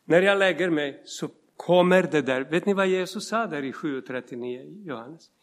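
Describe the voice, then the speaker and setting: Middle-aged male preacher, fairly high voice, lively storytelling sermon delivery. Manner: storytelling, animated, addresses listeners directly. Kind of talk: sermon with personal testimony.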